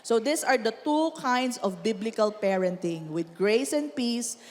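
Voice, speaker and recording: Filipino woman pastor, fairly high voice, animated and chatty sermon, long hall echo. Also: measured pace. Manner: animated, chatty, laughs often, asks Amen. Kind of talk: sermon mixing Tagalog and English.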